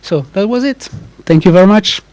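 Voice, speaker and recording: A man's voice: sits high, lively intonation, brisk, a little mellow, a little hiss or hum. A man presenting his research group's work at a conference, hesitant and repeating words as he searches for them. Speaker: researcher and professor.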